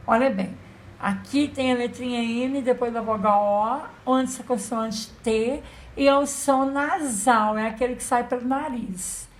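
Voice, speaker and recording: Slow, patient woman teaching children. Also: on the high side. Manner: patient, spells out letters and sounds. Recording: echoey room.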